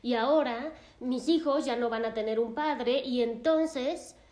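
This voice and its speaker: A distraught grown man, halting and full of self-blame as he pours out his fears, as a woman puts him on. The voice sits fairly high and sounds mellow in tone, carried in a roomy, echoing space. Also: lightly acted. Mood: distressed. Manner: anguished, self-blaming, halting. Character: distraught grown man, an anxious therapy patient.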